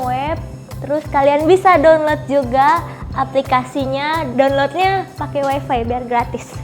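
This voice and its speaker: A young woman with a Jakarta Indonesian accent, chatting casually in a playful, teasing vlog style. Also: high voice. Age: young adult. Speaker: vlogger making prank calls.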